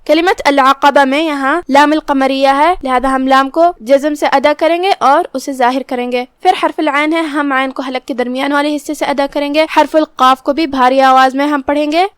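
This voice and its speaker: Woman teacher going slowly thru quran recitation rules, high voice, dry close mic. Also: steady tone, dry recording. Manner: patient, methodical, spells out each rule. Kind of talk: tajweed lesson with slow recitation.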